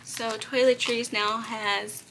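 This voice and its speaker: A young budgeting vlogger speaks slowly in a level, somewhat high voice that cracks slightly, with background noise behind her. She chats casually, counts cash out loud and laughs lightly.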